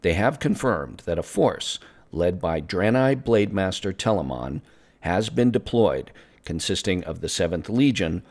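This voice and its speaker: A man plays a friendly, earnest host of a mock fantasy news broadcast. His voice sits deep and moves animatedly through the scripted copy. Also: darkish tone.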